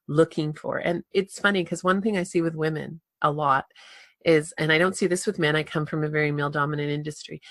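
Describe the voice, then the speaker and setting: A woman's voice: sits low, steady tone, fairly quick, fairly bright tone, dry recording. A woman hosting an interview, explaining marketing advice in a direct, casual way. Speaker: podcast host, marketing coach. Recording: dry close recording.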